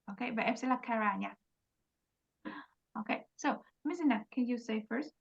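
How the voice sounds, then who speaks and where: Woman ESL tutor, Vietnamese accent, brisk explainer, dull lo-fi call audio. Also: a little high, vocal fry. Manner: quick explanations in Vietnamese, slow careful English modeling. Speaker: English teacher. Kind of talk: online English lesson, mixing Vietnamese and English.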